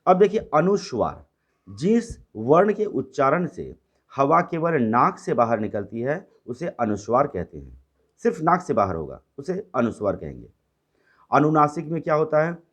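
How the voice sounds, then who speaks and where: Man teaching a grammar lesson, lively pitch. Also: moderate pace. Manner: explains by repeating, switching to English and Bengali words.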